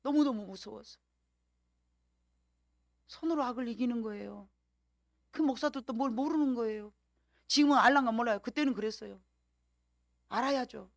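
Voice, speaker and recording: A woman pastor with a Jeolla Korean accent preaches in lively storytelling fashion, now and then acting out the voices of people in her stories. Her voice carries a gravelly fry, and the recording is close and dry with no room sound. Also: fairly high pitch, normal speed, pauses often, no room sound. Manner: lively storytelling with acted-out quotes. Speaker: senior pastor. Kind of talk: sermon.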